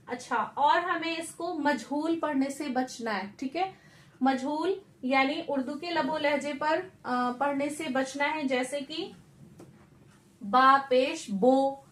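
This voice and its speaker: High-voiced patient woman tajweed teacher. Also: a bit bright, echoey room. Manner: patient, asks and answers her own questions, repeats "theek hai?". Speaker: Quran teacher. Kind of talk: slow tajweed lesson.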